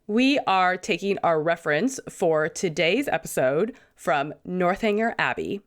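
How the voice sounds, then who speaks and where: Woman co-host, sick-sounding voice, animated and chatty. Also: fairly low pitch, unhurried. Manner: chatty, self-mocking, laughs often. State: sick, voice still recovering. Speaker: podcast co-host. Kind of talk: casual podcast chat.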